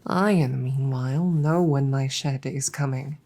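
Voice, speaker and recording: In a roleplay audio drama, a woman with a very deep voice plays a self-blaming dragon girlfriend. Her guilty, apologetic delivery is soft, tender and halting.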